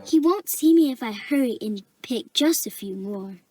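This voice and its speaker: A woman's voice: on the high side, animated, moderate pace, lightly acted, poor audio. A woman voicing a cheerful, confident little girl in a children's storybook, earnest and childlike. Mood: carefree. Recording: music bed behind the voice.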